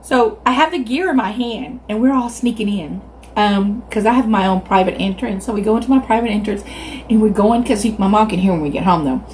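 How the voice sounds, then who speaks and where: A middle-aged woman with a Southern US accent tells stories casually while chewing her food. She is animated and acts out reactions, speaking at a medium pitch. There is clear noise in the background. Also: a little fast, low-quality recording. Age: 50s. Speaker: mukbang video host. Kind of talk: casual storytelling to viewers.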